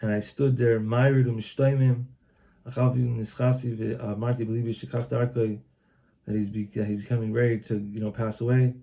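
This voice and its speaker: A man retelling a religious book aloud, translating as he goes in a halting, informal way with many restarts. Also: mid-range voice, level tone, dark tone. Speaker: reader retelling a religious text. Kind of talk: loose spoken retelling of a book. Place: Old City of Tzfat, Israel.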